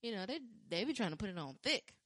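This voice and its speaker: A woman chatting casually about her dating experiences, rambling with frequent restarts and fillers, and acting out quoted lines with lively jumps in pitch. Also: fast talker, dry recording. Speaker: podcast talker sharing dating stories. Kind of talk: casual chat.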